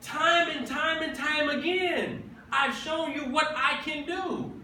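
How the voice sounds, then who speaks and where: A pastor preaches with a very high, bright voice. He presses each point through repetition and builds to emphatic shouts. He is recorded from a distance in an echoey church. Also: slow pace, slight background noise. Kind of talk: sermon. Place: church sanctuary.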